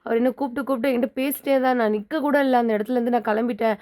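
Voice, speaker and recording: A woman's voice: fairly high pitch, fairly even intonation, very fast, dark tone, close to an everyday voice. A woman voicing a tearful young wife who speaks in sad, distressed pleading.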